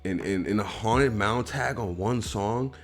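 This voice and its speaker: A man's voice: on the low side, unhurried, faint music behind. A man from the US Midwest with a Midwestern accent, hosting his own show and giving a loose, rambling, profane album review. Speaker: host.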